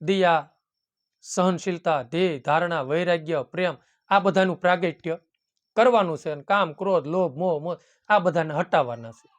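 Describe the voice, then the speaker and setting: A satsang preacher speaks at normal speed in a fairly high male voice, giving a folksy devotional sermon. Hymn verses are quoted throughout, and he keeps calling the listeners "bapu" and "ram."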